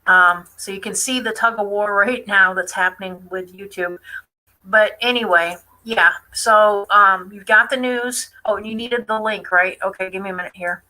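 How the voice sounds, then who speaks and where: A woman's voice: medium pitch, fairly even intonation, normal speed, sharp tone, poor audio. A woman hosting a casual live stream, chatty and defiant, with many fillers as she comments on a news clip. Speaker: online show host.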